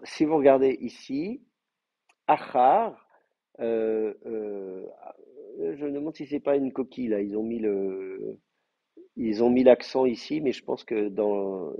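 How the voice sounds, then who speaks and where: A man teaching a language class speaks at a normal speed in a lowish, creaky voice. He explains things stepwise while thinking aloud, with many hesitations and fillers, on a muffled lo-fi class recording.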